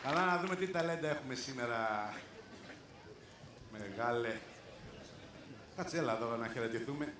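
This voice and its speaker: A male comedian at medium pitch who pauses often hosts a live stage show, bringing audience volunteers up and poking fun at them with frequent laughter. It takes place on a large theater stage, recorded with echo and crowd noise.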